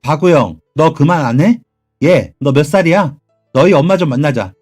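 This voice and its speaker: A man's voice: fairly high pitch, expressive, moderate pace, darkish tone, breathy edge, faint music behind. A man voicing a protective divorced mother who scolds and argues sharply, in a storybook radio drama. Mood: indignant, scolding.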